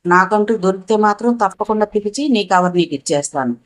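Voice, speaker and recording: A woman's voice: mid-range voice, animated, a little fast, lightly acted. A woman voicing a playful young man in a spoken story, teasing and coaxing.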